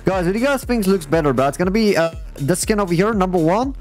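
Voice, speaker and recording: A man with a slightly high voice hosts a livestream in a loose, slangy, chatty way. He talks straight to viewers and players as he commentates on the game, with music playing faintly behind him. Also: expressive, fast talker, darkish tone. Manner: slangy, addressing viewers and players as bro and guys. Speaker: live streamer hosting a game fashion show.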